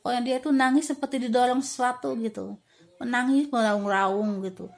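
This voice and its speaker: A woman, casually telling a personal ghost story with many fillers and slow, drawn-out words at tense moments. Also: fairly high pitch, steady tone, gravelly. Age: 50s.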